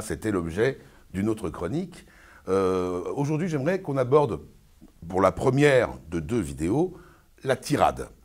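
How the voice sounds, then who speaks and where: A man giving an informal spoken lesson as a theatre teacher presenting to viewers. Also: on the low side.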